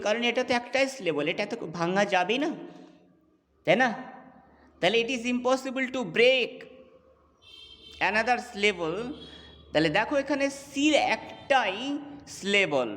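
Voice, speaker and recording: A man gives a classroom lesson on English poetry, breaking the material down step by step and pausing to check that his students follow. His voice sits high for a man, and a long reverb trails each phrase. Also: a bit bright. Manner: explains step by step, asks checking questions. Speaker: English teacher.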